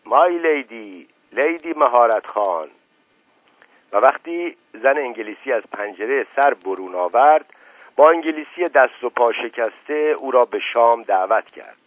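A man reading a novel aloud on a radio program in a measured, expressive storytelling voice. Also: fairly low pitch, breathy edge, no room sound. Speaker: radio book reader. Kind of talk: literary audiobook reading. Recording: dull lo-fi radio recording.

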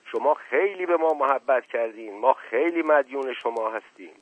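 A man's voice: medium pitch, no echo, close to an everyday voice. A man doing a sly, charming aristocrat. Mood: flattering. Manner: smooth, teasing, lively. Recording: tinny lo-fi dry audio.

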